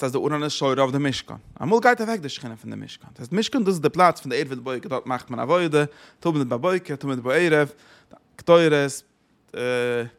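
A man giving a religious lesson who asks rhetorical questions and repeats his phrases. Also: fairly high pitch. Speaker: Torah teacher.

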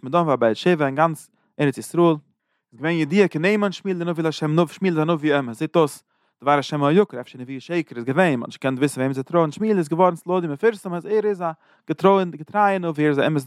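A man's voice: quick pace, no echo, clean studio sound. A man retelling a scripture passage as a religious teacher, acting out the quoted speech in a raised voice. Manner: storytelling, acts out quoted speech with lifted pitch.

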